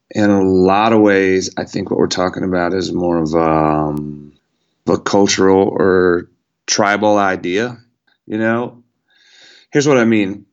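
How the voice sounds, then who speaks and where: Low-voiced reflective male singer-songwriter. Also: highs cut off. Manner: casual and reflective, many fillers like "you know" and "like". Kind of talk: relaxed conversational interview.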